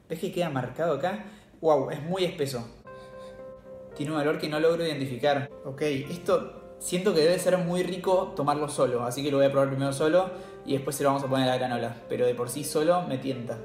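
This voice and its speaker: A man's voice: fairly high pitch, brisk, darkish tone, reverberant, faint music behind. A man with an Argentine accent hosting a casual tasting vlog, chatty and slangy, laughing often. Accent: Argentine Spanish. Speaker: cooking channel host.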